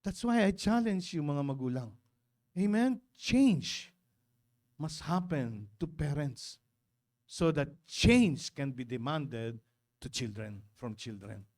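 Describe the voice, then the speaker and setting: A man with a Filipino accent preaching a sermon in a church, mixing in English, calling out to the congregation and swinging between loud exclamations and hushed asides. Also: a little high, expressive, takes it slowly. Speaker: pastor.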